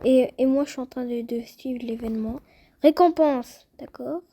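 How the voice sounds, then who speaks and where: Young woman, high-pitched, excitable, casual gameplay commentary, talks to viewers. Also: normal speed. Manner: chatty, excitable, addresses viewers directly. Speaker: gaming youtuber.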